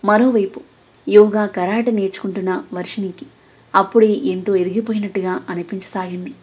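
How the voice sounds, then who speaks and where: Husky-voiced woman narrating a story. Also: medium pitch, steady tone, fairly quick, a little mellow, dull audio.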